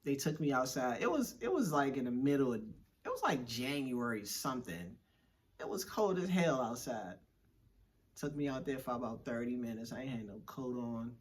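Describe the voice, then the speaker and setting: A young man from Washington, D.C., co-hosting a casual couples chat, telling stories in an animated, slangy, joking way. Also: mid-range voice, moderate pace, slight background noise. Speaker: co-host.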